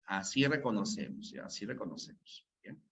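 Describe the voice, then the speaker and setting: A man's voice: on the low side, expressive, normal speed, creaky, a bit bright. A male teacher giving a classroom grammar lesson, repeating his points and checking in with "¿no?" after them. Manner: repetitive, drilling points home, asks "¿no?" often. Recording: dull lo-fi classroom recording.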